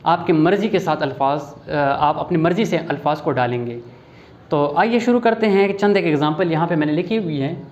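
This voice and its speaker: A man with a high voice gives an English lesson in a slow, deliberate way, repeating each example word. The sound is dull and lo-fi, with a faint hiss behind it. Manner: deliberate, repeats example words to drill them. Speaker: English teacher. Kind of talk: recorded language lesson.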